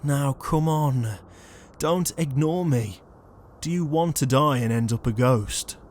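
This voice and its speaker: In a comedic audio roleplay, a man plays an exasperated, conscientious ghost, a murdered shut-in, sounding flustered, hesitant and pleading. His medium-pitched voice moves slowly, lightly acted, with an exasperated, urgent mood. The background is noisy.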